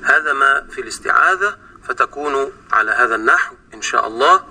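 A man with an Egyptian Arabic accent, teaching Quran recitation on a radio program and stretching sounds slowly to demonstrate them. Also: mid-range voice, animated, pushed and bright, a little hiss or hum. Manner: slow drawn-out sounds to demonstrate. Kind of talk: explaining pronunciation on a radio program. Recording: distant radio broadcast sound.

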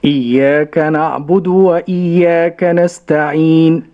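A man's voice: fairly high pitch, fairly even intonation, takes it slowly, highs cut off. A man presenting a recitation lesson, asking short questions and repeating each word after the teacher. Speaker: program presenter and student. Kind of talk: lesson interview.

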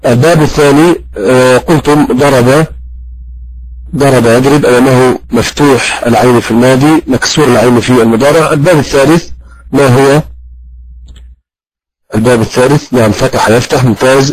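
A man teaching an Arabic grammar lesson. He talks slowly and halts often with drawn-out fillers, putting questions to his students and praising their answers. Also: medium pitch, poor audio. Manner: slow and halting, with many drawn-out fillers. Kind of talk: classroom lesson with audience questions.

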